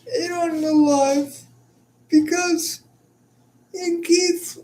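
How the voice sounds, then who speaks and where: A high-voiced woman talking on her own live stream at an extremely slow, drawn-out pace. She is hesitant and halting, stuttering and stopping often as she feels her way through what to say. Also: steady tone, warm tone, a little hiss or hum. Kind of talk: unscripted live stream talk.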